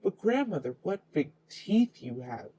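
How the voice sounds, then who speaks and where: A man's voice: a little high, big pitch swings, a little slow, mellow, slight background noise, pitched above the performer's own voice. A man voicing an innocent, polite little girl in a storybook, with an earnest, childlike manner. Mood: curious, polite.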